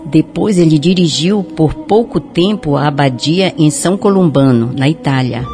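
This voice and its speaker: A woman playing a kindly old grandmother who tells scripted stories to children, with drawn-out singsong phrase endings. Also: sits low, warm tone, soft background music. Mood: storytelling.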